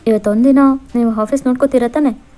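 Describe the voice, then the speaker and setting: A woman's voice: a little high, fairly even intonation, fast talker, warm tone, soft background music, natural voice. A woman voicing a bossy, caring older sister. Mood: firm. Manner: firm, scolding, fond.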